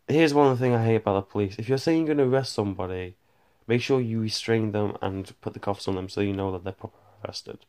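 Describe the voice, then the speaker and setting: A man's voice: lowish voice, darkish tone. A man tells a rambling personal story, often skipping details with "blah, blah, blah", while holding his phone to record. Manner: rambling, fills gaps with "blah, blah, blah". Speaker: vlogger. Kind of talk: casual storytime monologue. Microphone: handheld phone.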